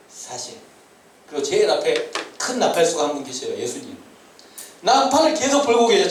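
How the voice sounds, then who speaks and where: A man preaches to a youth group, his voice rising and falling widely as he shouts calls and laughs between his points. He sounds a bit high for a man. The recording is from far off in a very echoey church hall, with faint ambience behind him. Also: slight background noise. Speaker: youth pastor. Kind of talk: sermon to high schoolers.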